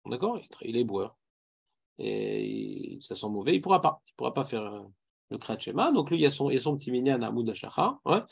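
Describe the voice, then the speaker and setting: A man's voice: mid-range voice, huge pitch swings, a little fast, creaky, husky, highs cut off. A man with a Parisian accent teaching a Talmud class, putting questions to his students and mixing in Hebrew terms. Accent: Parisian French.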